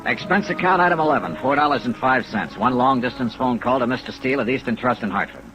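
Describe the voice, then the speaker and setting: A male actor as a brisk American insurance investigator in an old radio drama. He reels off his case with clipped, wry authority and lively inflection, over music and rain. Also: medium pitch, close to an everyday voice, rough recording. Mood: businesslike narration. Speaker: lead actor and narrator of a detective radio serial. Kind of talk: 1950s radio detective acting.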